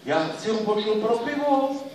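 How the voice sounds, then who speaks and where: A man voicing an eager, excitable father, in an echoey room from a distant mic. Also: high-pitched, slight background noise, pitched above the performer's own voice.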